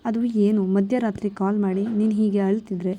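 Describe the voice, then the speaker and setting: Young woman, exasperated, scolding, impatient questions, deep mellow tone, a woman reads her. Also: steady tone, normal speed, a little hiss or hum, natural voice.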